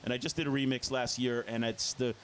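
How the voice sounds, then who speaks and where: A man in his fifties, hosting a casual roundtable as a DJ and producer, telling stories in animated quick bursts. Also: medium pitch, background noise. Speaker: host, DJ and producer.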